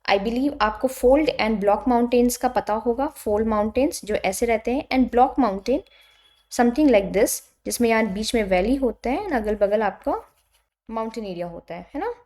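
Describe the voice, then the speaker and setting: High-voiced Indian woman teaching a lesson. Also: expressive, moderate pace, darkish tone. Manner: explains patiently and checks in with listeners. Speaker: exam coaching teacher. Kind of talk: explanatory lecture mixing Hindi and English.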